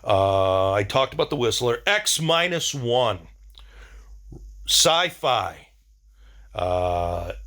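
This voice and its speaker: A video diary host rambles through a casual monologue, enthusiastic and informal, dropping in some slang. His voice is mid-range with a sharp tone.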